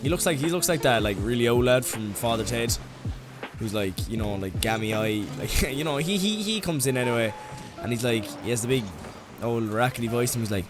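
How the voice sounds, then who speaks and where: A young Irish man rants for laughs in a rambling, foul-mouthed vlog style, packing every sentence with "like." His voice sits at an ordinary pitch for a man. Music plays clearly behind him throughout. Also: animated, a little fast. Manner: rambling, sweary, heavy use of "like". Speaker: vlogger. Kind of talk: comedic rant.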